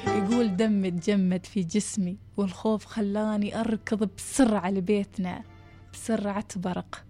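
Woman telling a ghost story, animated, soft music under her. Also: medium pitch. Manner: animated, acts out villagers' voices. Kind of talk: storytelling narration.

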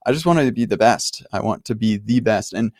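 A man hosts a podcast and answers a caller in a friendly, reflective manner, often thinking aloud. His voice sits fairly low. The sound is dry and close to the mic. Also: animated, a little fast, a little mellow, dry recording. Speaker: podcast host.

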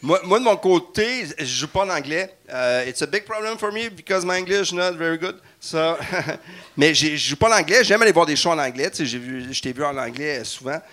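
A man with a Quebec French accent, a comedian guest on a live podcast, playful and quick to laugh. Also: a little high, lively intonation. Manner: playful, laughs easily, bursts into loud joking. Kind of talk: casual live podcast chat. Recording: noisy live venue recording.

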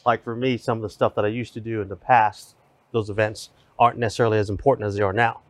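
Steady, matter-of-fact man in his forties. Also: fairly low pitch, quick pace, no echo. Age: 40s. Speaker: real estate team leader, guest. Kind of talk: casual podcast conversation.

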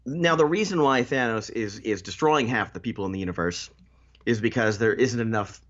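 A man's voice: fairly low pitch, a bit bright. Dry-humored man on a dull-sounding line. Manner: dry, joking, with halting restarts. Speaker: podcast co-host. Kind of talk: casual movie discussion.

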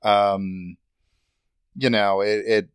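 A man's voice: lowish voice, little pitch movement, extremely slow, smooth, no room sound, clean studio sound. A man hosting a casual political podcast, speaking hesitantly with many fillers. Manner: hesitant, filler-heavy, laughs easily. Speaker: podcast host.

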